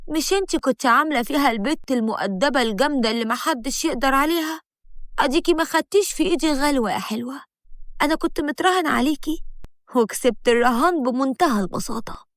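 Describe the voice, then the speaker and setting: A woman's voice: sits high, fast talker, no room sound, clean studio sound, natural voice. A woman voicing an arrogant, mocking young man with an Egyptian accent. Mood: smug. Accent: Egyptian Arabic. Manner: smug, taunting.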